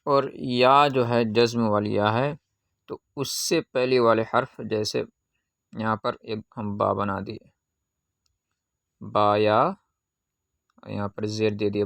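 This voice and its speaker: A man teaching a Qaida reading lesson, patiently asking questions and answering them himself, with drawn-out syllable recitation. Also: fairly low pitch, little pitch movement, creaky, a bit bright, no echo.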